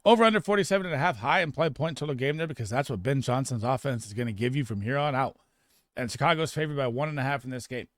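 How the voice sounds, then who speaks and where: Guy breaking down fantasy football picks, emphatic and rapid, dry close sound. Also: medium pitch, fairly bright tone, dry recording. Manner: emphatic, rapid, with filler restarts. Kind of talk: casual analysis monologue.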